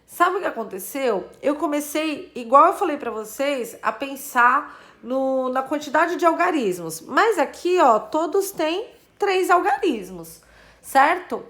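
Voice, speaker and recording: A woman's voice: sits high, big pitch swings, measured pace, a bit bright. A woman teacher talking casually to her students, thinking aloud and counting syllables and letters as she works through math puzzles. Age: adult. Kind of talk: casual video lesson explaining math puzzles.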